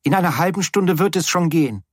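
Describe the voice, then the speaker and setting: A man reading an audiobook voices a young woman who has just been woken from deep sleep, plaintive and drowsy. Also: expressive, fairly quick, no room sound, clean studio sound. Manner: plaintive, drowsy, then softening. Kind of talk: audiobook character voice.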